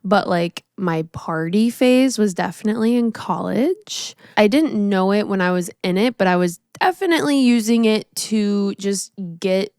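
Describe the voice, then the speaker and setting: A woman in her twenties co-hosting a podcast, talking in a relaxed, reflective way with many fillers. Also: mid-range voice, moderate pace, few pauses, smooth, dry recording, studio quality. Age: 20s. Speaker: podcast co-host. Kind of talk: casual chat.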